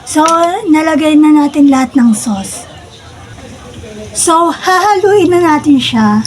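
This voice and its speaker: High-pitched Filipino woman vlogger. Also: animated, slow pace, darkish tone, a faint crowd, slight background noise, rough recording. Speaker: vlogger doing a food challenge. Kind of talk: casual vlog talk to viewers.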